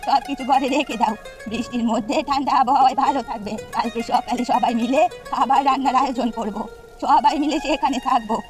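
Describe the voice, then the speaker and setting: A woman's voice: on the high side, fairly even intonation, quick pace, over music, natural voice. A woman voicing a bossy, practical village woman in a cartoon. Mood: stern.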